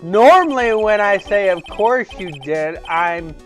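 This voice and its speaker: A man voicing a wry, deadpan young lawyer in a game played on stream. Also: high-pitched, slow, faint music behind.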